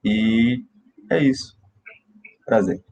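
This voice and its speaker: A young man from Salvador, a filmmaker and film student, introducing himself casually on an online panel, relaxed with filler words. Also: mid-range voice, very slow, poor audio. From Salvador, Bahia, Brazil. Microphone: video call.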